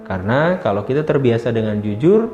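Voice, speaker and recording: A man's voice: medium pitch, big pitch swings, brisk, warm tone. Man lecturing in a roomy space. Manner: addresses listeners as friends, many tag fillers. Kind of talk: casual lecture. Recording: roomy, slightly dull sound with faint music.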